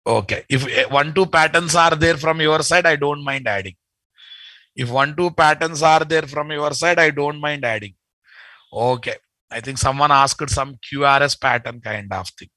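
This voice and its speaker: Speaking at a normal speed in a slightly high, pushed and bright voice, this middle-aged software instructor has an Indian Telugu accent. He runs a casual live online class by video call from an indoor room, repeating phrases and talking to learners familiarly. There's no room sound.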